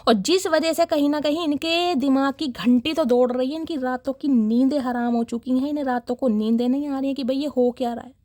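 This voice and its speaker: Young female tarot reader, high voice, dramatic and chatty with viewers, dry close recording. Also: a little fast, few pauses, dark tone, dry recording. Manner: dramatic, chatty, laughs often, addresses viewers as guys. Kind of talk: casual tarot reading chat.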